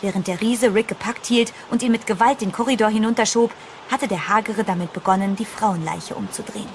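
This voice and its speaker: This German horror audio drama features an actress narrating her own horror story in the first person as an anxious woman, scripted and delivered like a suspenseful radio play. Her natural, mid-range voice moves fairly quickly, with slight background noise under prominent music. The mood is tense and suspenseful.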